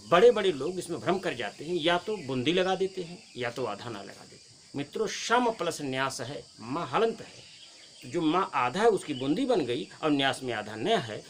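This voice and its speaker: Lively Indian man teaching outdoors. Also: fairly high pitch, slight background noise. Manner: teacherly, addresses viewers as friends, explains step by step. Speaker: Hindi teacher. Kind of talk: spoken lesson on spelling. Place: outdoors in nature.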